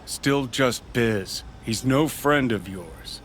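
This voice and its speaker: A man's voice: mid-range voice, lively intonation, slow. An actor playing a cynical, contemptuous male companion in a video game. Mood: scornful. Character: cynical, contemptuous, foul-mouthed man, needling companion. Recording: loud vehicle and outdoor noise behind.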